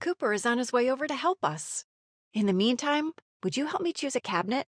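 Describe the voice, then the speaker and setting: A woman's voice: high-pitched, animated, fairly quick, dry recording, clean studio sound. A woman playing a wry, affectionate novelist heroine in a story game, with a playful conversational manner. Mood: cheerful. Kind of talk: scripted game story dialogue.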